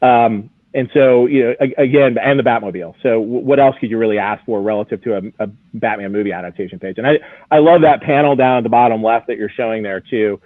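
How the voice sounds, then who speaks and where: This auction house executive, a guest expert on a live show, talks fast in a medium-pitched voice while enthusiastically walking through collectibles in a conversational way. The recording lacks echo but sounds narrow and phone-like, radio-style.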